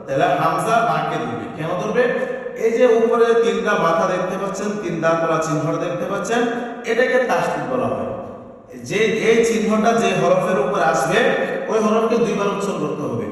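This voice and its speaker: A man teaching a Quran reading class, taking learners through letter drills and chanting verses in a slow sing-song. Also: high-pitched. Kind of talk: spelling drill and recitation lesson. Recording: very echoey hall from far off.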